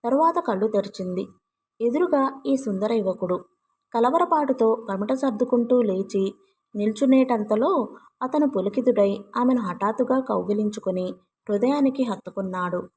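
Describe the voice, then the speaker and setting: A woman narrating a novel in an even, slow storytelling manner. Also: a little high.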